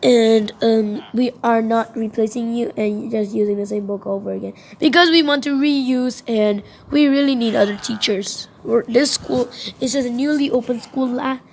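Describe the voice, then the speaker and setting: A woman's voice: on the high side, moderate pace, hardly any pauses, a little mellow, a little hiss or hum, low-quality recording. A woman improvising a pretend school role-play, speaking as a strict but fair new principal in a rambling way. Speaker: role-play performer voicing a school cast.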